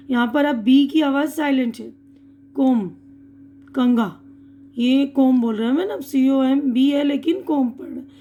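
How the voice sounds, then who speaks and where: A woman with an Urdu accent giving an online English lesson, reading words slowly and patiently, each with its translation. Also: sits high, mellow. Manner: slow, patient word-by-word drilling with translations. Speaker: English teacher.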